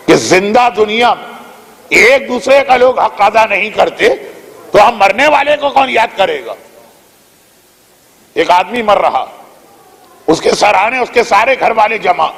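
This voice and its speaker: A male preacher addresses a gathering in an exhortative, storytelling manner. His voice sits unusually high. It carries a long, ringing hall reverb. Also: fairly bright tone. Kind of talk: sermon.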